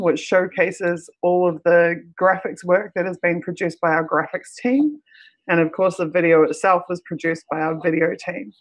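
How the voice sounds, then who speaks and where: Host for a supporters' livestream: froggy, croaky voice at middling pitch, earnest delivery with halting phrasing. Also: rough recording.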